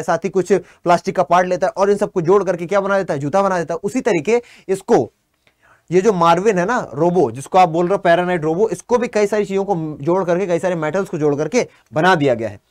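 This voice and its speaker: Guy teaching for exams, reads slow then explains, kinda high voice, dry close sound. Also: no room sound. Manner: addresses students directly, asks and answers his own questions; reads English lines slowly, then explains them in Hindi. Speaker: English teacher. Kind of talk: exam-prep lesson, reading and explaining a passage.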